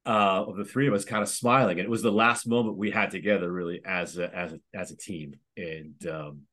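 A man's voice: deep voice, brisk. A middle-aged man, a former school principal, telling a story in a casual way and acting out the voices of the people in it. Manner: animated retelling with quoted voices, many restarts. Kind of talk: conversational storytelling.

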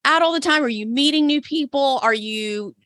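A woman's voice: high voice, normal speed, fairly bright tone, no room sound, clean studio sound. A woman hosting an interview, gushing and enthusiastic, firing off several questions at a time. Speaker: host, personal stylist. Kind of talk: casual interview.

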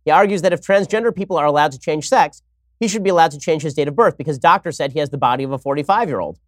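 A man with a slightly high voice hosts a political commentary show, offering sarcastic, wry opinions and moving along briskly from one segment to another. The recording is dry.

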